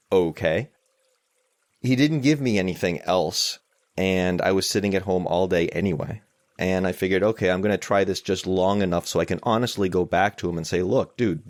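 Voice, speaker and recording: A man's voice: low-pitched, dry recording, clean studio sound. A middle-aged man teaching mindfulness in a live talk, candid and self-deprecating in a conversational way. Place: meetup room.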